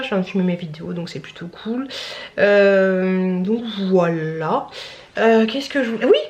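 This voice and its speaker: A woman's voice: mid-range voice, muffled recording. A young adult woman chatting casually at home in a vlog, rambling and acting out phone calls. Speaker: vlogger. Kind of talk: casual chat.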